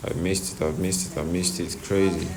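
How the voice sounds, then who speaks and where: Crowd noise surrounds a trading vlogger whose low, level voice moves at a moderate pace. Chatting casually, he repeats phrases and checks that people are following, recording on location and partly inside a noisy hospital, with an uneven level.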